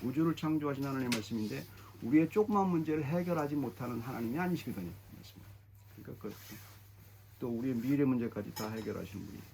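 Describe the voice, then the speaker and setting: A middle-aged man preaching a sermon as pastor, emphatic and animated, often repeating his phrases. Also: medium pitch, fast talker, vocal fry, slight background noise. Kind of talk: expository sermon.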